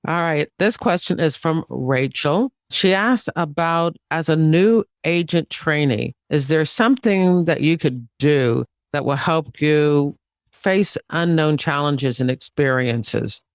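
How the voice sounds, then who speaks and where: A man's voice: a little high, animated, slow pace, clear, resonant tone, dry recording. A man hosting a podcast, reading out listener questions and setting up answers. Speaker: podcast host.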